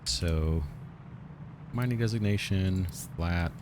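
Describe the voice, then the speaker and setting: A man hosting a let's play, thinking aloud in an unhurried way and asking himself questions as he plans. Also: sits low, noisy background. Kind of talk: thinking aloud while playing a strategy game.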